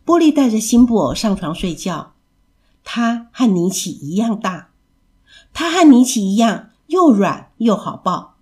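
Animated woman reading a children's story. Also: medium pitch, unhurried.

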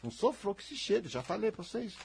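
A man's voice: high-pitched, sing-song, a little fast, creaky, a little hiss or hum. A man with a Brazilian accent giving an impassioned spiritual talk, emphatic and repetitive, mimicking the people he criticizes. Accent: Brazilian Portuguese. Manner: emphatic, repeats himself, mimics complainers.

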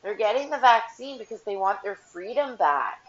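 A woman's voice: mid-range voice, big pitch swings, normal speed. A woman and mother ranting casually to camera, blunt and profane, rambling with lots of "like". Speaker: vlogger, mother. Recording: dull lo-fi audio.

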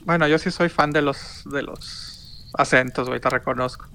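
A man's voice: mid-range voice, steady tone, normal speed, vocal fry, bright, forceful tone, clear, resonant tone. A man co-hosting a podcast, laid-back and teasing, laughing often. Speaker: podcast co-host. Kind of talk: casual banter.

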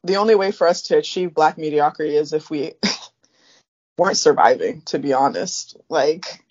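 A young woman from Africa, her voice sitting low, works through her ideas in a casual podcast chat. She is reflective and unhurried and fills pauses often. The sound is a little dull and lo-fi. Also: darkish tone, slightly rough. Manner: thoughtful, reflective, many fillers.

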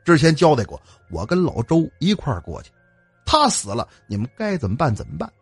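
Man doing a stern old immortal, commanding, husky, dry, wide-ranging. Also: fairly high pitch, wildly swooping pitch, brisk, no room sound, faint music behind, heavily acted.

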